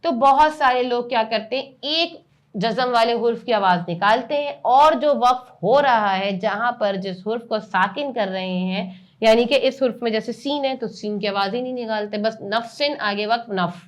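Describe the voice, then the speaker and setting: A woman teaching Quran reading in a slightly high voice. She spells out syllables slowly and loudly, drawing each one out, then explains the rules at a brisker pace. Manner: slow, drawn-out loud recitation of syllables, then brisker explanations.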